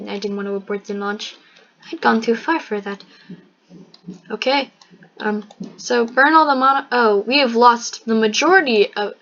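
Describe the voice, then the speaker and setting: A woman with a fairly high voice commenting on her own game session. She talks in a wry, mock-formal tone, now and then slipping into joke accents. The recording is muffled and lo-fi, like a cheap home microphone. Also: a bit bright. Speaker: gameplay narrator. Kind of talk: gameplay commentary. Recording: dull lo-fi microphone.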